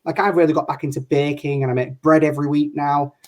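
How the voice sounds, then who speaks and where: Hosting a casual online interview show, a man from Hull speaks with a northern English accent, chatting and rambling and frequently cutting himself off. His voice is fairly high and a touch mellow, delivered flatly and at a fast clip.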